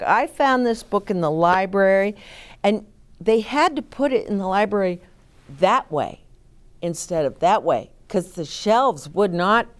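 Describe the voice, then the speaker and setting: A woman with a medium-pitched voice runs a story time for young children, reading aloud and chatting expressively. She explains things simply and asks the children questions.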